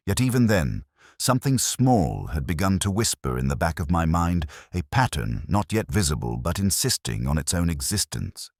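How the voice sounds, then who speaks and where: A man playing a weary, reflective police inspector, narrating his case in a measured, literary, melancholy way for an audio drama. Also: low voice, very animated, darkish tone, dry recording, studio quality, exaggerated voice. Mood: melancholy, musing. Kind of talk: scripted first-person detective narration, audio drama.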